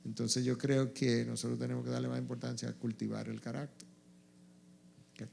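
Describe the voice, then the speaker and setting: A man with a rough, gravelly voice and a mellow, dark tone teaches with emphasis, driving each point home by saying it again. He speaks as a pastor answering a congregation, with a faint hum and noise underneath. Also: medium pitch, little pitch movement, moderate pace. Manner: emphatic, repeats points for stress. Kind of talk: church Q&A teaching.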